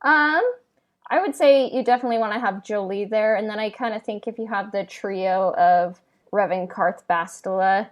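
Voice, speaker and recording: A woman with a medium-pitched voice hosts a podcast, chatting casually at normal speed. She speaks a little hesitantly and uses lots of filler words.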